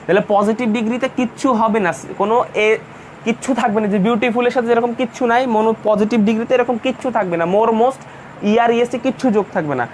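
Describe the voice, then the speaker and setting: A man with a very high voice talks fast while teaching an English grammar class in Bengali during an online lecture, with slight background noise. He explains patiently and revisits each point.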